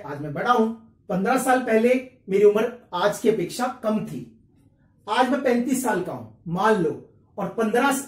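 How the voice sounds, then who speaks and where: A man teaching a maths lesson, chatty, putting questions to the students and answering them himself. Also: high-pitched. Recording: roomy echo, mic at a distance.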